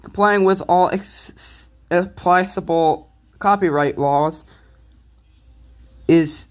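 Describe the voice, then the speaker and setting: A man's voice: sits high, takes it slowly, clean tone. Stumbling young man reading a manual. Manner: stumbling, self-correcting reading. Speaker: video host reading a manual aloud. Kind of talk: casual read-aloud with asides.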